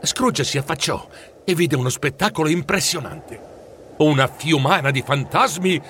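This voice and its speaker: A man reading a storybook aloud in a lively, expressive way. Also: on the high side, unhurried, slight background noise. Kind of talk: storybook narration.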